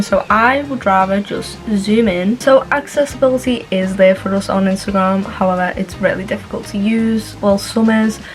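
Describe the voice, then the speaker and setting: A woman's voice: medium pitch, poor audio. A young woman giving a casual tutorial in an informal, chatty way, with asides. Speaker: vlogger. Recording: music playing behind the voice. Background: background music.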